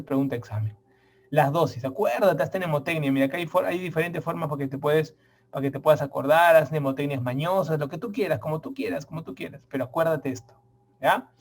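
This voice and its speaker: Middle-aged man, exam prep lecturer, emphatic and repetitive, somewhat high-pitched. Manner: emphatic, repeats key points, addresses students directly.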